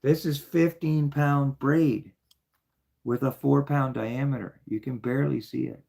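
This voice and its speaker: A man's voice: mid-range voice, steady tone, unhurried, vocal fry, a little mellow, a little hiss or hum. A middle-aged man, casually explaining his fishing gear and rambling on, often tagging lines with "right?". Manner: chatty, rambling, keeps asking "right?". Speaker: fishing channel host. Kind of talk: casual show-and-tell explanation.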